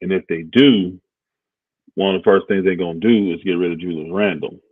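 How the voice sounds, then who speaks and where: A deep-voiced man talks through sports news in a loose, rambling way, pausing on fillers as he thinks aloud. The sound is dry and thin, like a phone line. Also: steady tone, breathy edge, dry recording. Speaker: co-host of a basketball talk stream. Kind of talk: casual sports talk livestream.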